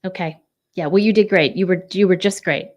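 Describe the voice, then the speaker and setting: A woman's voice: lowish voice, fairly quick. Bubbly woman hosting a home livestream. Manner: bubbly, chatty, frequent excited whoops. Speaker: livestream show host and singer-songwriter. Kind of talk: casual livestream chat.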